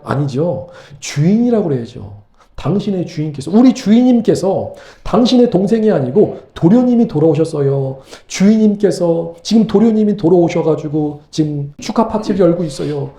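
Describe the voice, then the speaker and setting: Animated preaching man, roomy church. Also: a little high, creaky. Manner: animated, asks rhetorical questions. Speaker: pastor. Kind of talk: sermon. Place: church sanctuary.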